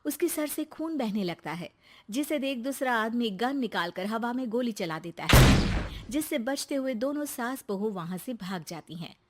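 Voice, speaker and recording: A woman's voice: a little high, animated, normal speed, heavy background noise. A woman reading a scripted comic family story as its narrator.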